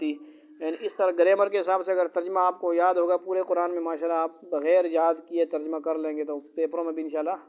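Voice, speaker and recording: Man teaching the Quran to a class, lo-fi. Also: on the high side. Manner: recites Arabic quickly, then explains slowly in Urdu with questions to the class. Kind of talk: Quran translation and grammar lesson to students. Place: classroom with students. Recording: dull lo-fi classroom recording.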